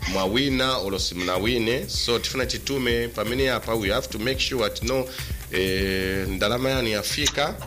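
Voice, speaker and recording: A Zambian man co-hosting a radio phone-in, chatting casually in mixed languages, halting and repeating words. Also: mid-range voice, bright, forceful tone. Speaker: radio promotion co-host. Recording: prominent music behind the voice. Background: music bed.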